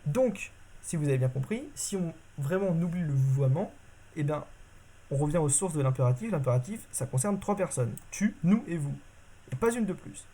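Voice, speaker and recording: Animated and warm, this man's voice sits on the high side and moves at normal speed. He teaches a constructed language casually on video, full of fillers and mid-sentence self-corrections.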